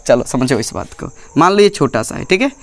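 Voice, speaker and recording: A man's voice: on the high side, very animated, fairly quick. A male physics teacher giving a classroom lecture, repeating phrases and checking often whether the class follows.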